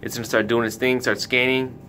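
In a retailer's laid-back hands-on tutorial, the male host gives careful instructions one step after another. His delivery is flat and brisk, with a bright, forceful tone. The recording has noticeable background noise and a low rumble.

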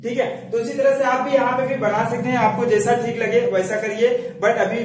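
A man's voice: extremely high pitch, level tone, moderate pace, crowd noise. A male teacher explaining memory tricks, asking questions and answering them himself, and saying "okay" between points. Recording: very echoey room, mic far off.

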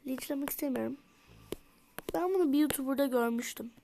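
A woman in whispered role-play, voicing dolls in a game and switching between character voices, often softly whispering. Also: high-pitched, brisk, creaky, slight background noise. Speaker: YouTuber voicing dolls in a life-sim game.

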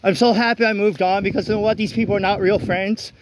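Phone in hand, a man strolls a wet nighttime city street and delivers a blunt vlog rant full of restarts. His voice sits high, steady in tone and fast.

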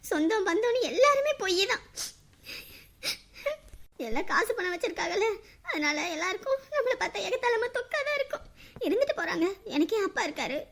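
A woman voicing a hurt, proud young mother in an animated drama, talking through bitter tears. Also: very high-pitched, brisk, pauses often, full character voice. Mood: resentful. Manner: tearful, bitter inner monologue.

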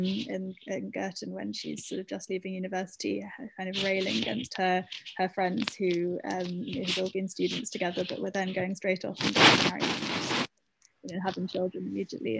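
Halting woman author with a gravelly voice. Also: medium pitch, background noise. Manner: hesitant, many ums and restarts. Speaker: author speaking at a library talk. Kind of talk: answering audience questions in an online talk.

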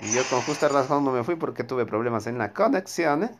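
A man's voice: mid-range voice, expressive, brisk, background noise. A man giving casual, rambling commentary to his viewers while he plays a game. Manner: chatty, rambling, talks to viewers while playing. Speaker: gaming streamer.

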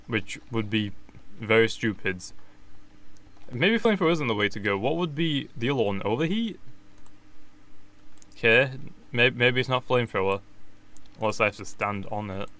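A man's voice: fairly low pitch, animated, moderate pace, long pauses, fairly bright tone. A man giving casual gameplay commentary, thinking aloud and correcting himself as he goes. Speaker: gaming YouTuber.

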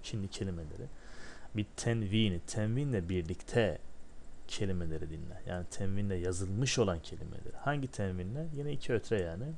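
Low-voiced man teaching a slow lesson. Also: expressive, creaky, a little mellow, slight background noise. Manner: asks himself questions and answers them, drills syllables. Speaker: Arabic teacher. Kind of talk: step-by-step classroom lesson.

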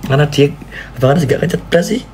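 A man preaching and chatting on a live stream, playfully pleading and jumping into squeaky high cries, with a faint hiss behind him. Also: brisk, darkish tone. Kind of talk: casual live-stream chat.

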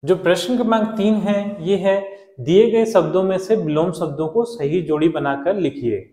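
High-voiced man teaching children. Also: warm tone, echoey room. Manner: patient, repeats and spells out words slowly. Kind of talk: explaining a school lesson to children.

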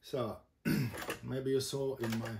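Slow, halting man in an echoey room. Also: medium pitch, steady tone, vocal fry. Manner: halting, step-by-step delivery in short phrases. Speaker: host demonstrating vintage boomboxes. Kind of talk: informal product demonstration. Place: indoor room with a table of boomboxes. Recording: echoey room, loud noise, mechanical clicks.

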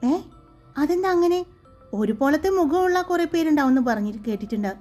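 A woman voicing a gentle young woman who asks soft, wondering questions. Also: sits high, animated, fairly quick, faint music behind. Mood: curious.

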